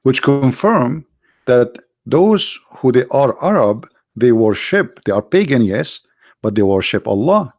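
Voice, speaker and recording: Gravelly, tired-voiced man lecturing. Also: mid-range voice, big pitch swings, darkish tone, dry recording, clean studio sound. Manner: emphatic, rhetorical questions, halting restarts. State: tired, strained voice. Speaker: religious apologist. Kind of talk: lecture on scripture.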